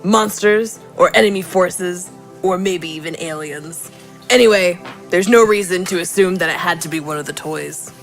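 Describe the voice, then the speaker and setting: A man's voice: sits high, moderate pace, vocal fry, fairly bright tone, soft background music. A man playing an earnest, defensive action-figure soldier toy in an improvised comedy audio drama. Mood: speculating.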